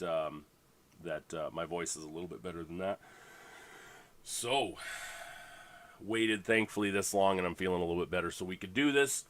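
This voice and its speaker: A man's voice: deep voice, a bit bright, a little hiss or hum. A congested man hosting a fantasy football draft livestream, chatting casually and rambling with lots of fillers and restarts. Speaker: fantasy league host.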